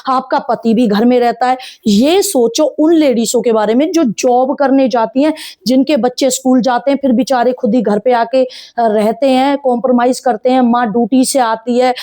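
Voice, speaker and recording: A woman's voice: a little high, dark tone. A woman ranting to her viewers in a vlog, scolding with rhetorical questions. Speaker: vlogger.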